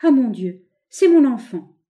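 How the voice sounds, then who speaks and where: A woman's voice: sits high, very animated, measured pace, mellow, pitched above the performer's own voice. A woman voicing a distraught mother who cries out in anguished exclamations, in a book reading. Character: distraught mother crying out in grief.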